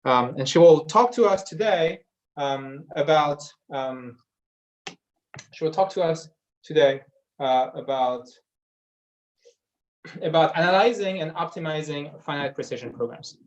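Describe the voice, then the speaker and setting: A man's voice: fairly high pitch, measured pace, pauses often. A man hosting a workshop session over a video call, introducing the next speaker with many uhs and ums. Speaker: session host. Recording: dull lo-fi video call audio.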